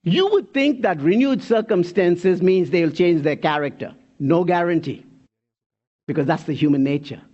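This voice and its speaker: An older man in his sixties preaches a sermon with a fairly high voice, pitching rhetorical questions at the congregation. His delivery swings between loud bursts and hushed asides. The recording sounds dull and lo-fi. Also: normal speed. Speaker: pastor.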